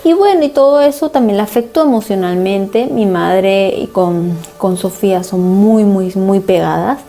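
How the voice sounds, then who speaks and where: A woman's voice: mid-range voice, moderate pace, dark tone. A woman pastor preaching a sermon and earnestly recounting a personal family story as testimony.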